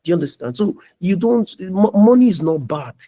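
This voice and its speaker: Husky young man, preachy mentor. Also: sits high, big pitch swings, moderate pace, dark tone. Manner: preachy, repeats "you understand?". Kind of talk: motivational talk in a live online meeting.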